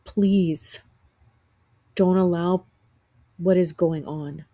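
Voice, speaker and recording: Sick woman podcaster on her couch, husky low voice, mellow, musing and restarting a lot. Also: steady tone, drawn-out words, no echo, clean studio sound. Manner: earnest, musing, with frequent restarts. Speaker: podcast host. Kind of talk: reflective spiritual monologue. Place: at home on a couch.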